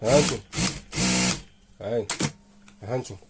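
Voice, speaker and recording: A man's voice: mid-range voice, moderate pace, very noisy. A man with a Moroccan Arabic accent, demonstrating a sewing machine in his workshop and talking to viewers as he sews. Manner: talks while sewing, repeats "here you go brothers". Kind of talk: casual product demonstration. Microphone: phone camera held close while working.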